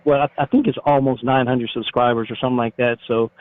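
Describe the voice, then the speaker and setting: Heard through a muffled narrowband phone call, the middle-aged American motorcycle YouTuber and military retiree keeps his interview casual and easygoing, speaking informally. His mid-range voice runs quickly with fairly even intonation and no echo.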